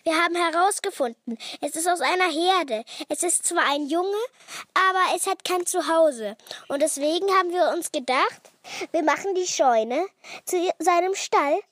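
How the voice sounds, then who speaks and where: A woman's voice: extremely high pitch, moderate pace, a bit bright, no room sound, pitched above the performer's own voice. A woman voicing a cheerful mother in a spoken children's story. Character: warm, teasing mother of a young girl.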